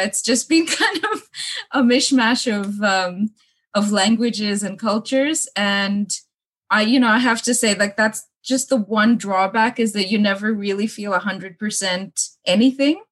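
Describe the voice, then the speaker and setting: In a bungalow room filled with books at her parents' home, a young woman from Kuwait speaks in a medium-pitched, fairly bright voice. Her accent is a hard-to-place mix, and as a casual interview guest she laughs frequently and uses a lot of fillers.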